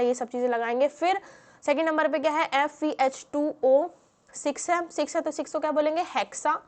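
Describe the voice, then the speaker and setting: High pitched lady teacher going thru chemistry naming, lots of um and "what do we call this". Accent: Hindi-English mix. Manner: explains step by step with many fillers and rhetorical questions. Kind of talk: classroom lecture.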